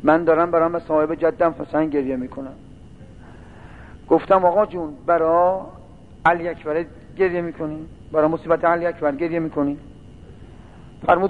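A man preaching a sermon, telling a long religious story and building into mournful chanting. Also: fairly high pitch. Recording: tinny phone-like sound with faint noise.

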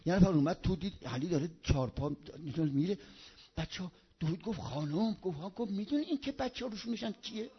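High-voiced impassioned male preacher. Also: animated, breathy edge. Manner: impassioned, swinging between loud outbursts and hushed low tones. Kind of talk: religious sermon storytelling. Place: speaking over a loudspeaker in Qom. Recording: dull lo-fi recording.

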